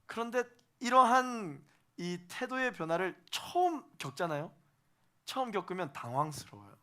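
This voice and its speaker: A male pastor preaching to young adults, emphatic, repeating phrases for stress and swinging between soft and loud. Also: sits high, sing-song, moderate pace. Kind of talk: sermon to a young adults' congregation.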